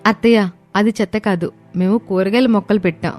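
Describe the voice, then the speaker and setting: A woman's voice: mid-range voice, steady tone, brisk, a little mellow, faint music behind, lightly acted. Woman voicing eager young daughters-in-law. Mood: pleading. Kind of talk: animated storybook voice acting.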